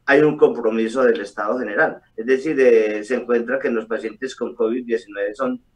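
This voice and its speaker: A middle-aged man, a doctor, explaining calmly over a video call with frequent hesitations. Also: mid-range voice, normal speed. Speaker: doctor guest. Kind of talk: explanatory interview answers. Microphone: webcam on a video call. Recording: distant video call audio.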